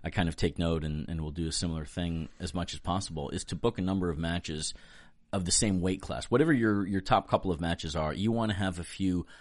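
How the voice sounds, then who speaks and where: A man with a lowish voice talks through fight booking in a loose podcast chat. He pauses often, fills gaps with ums and uhs, and drops the odd deadpan joke. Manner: halting, lots of ums and uhs, dry jokes. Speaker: fight matchmaker and promoter.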